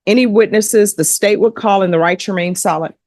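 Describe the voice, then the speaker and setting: Female judge on the bench, steady mid-pitched voice, formal and measured, dry mic. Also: no echo. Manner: measured, formal reading of legal admonishments. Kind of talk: formal courtroom proceedings. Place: courtroom.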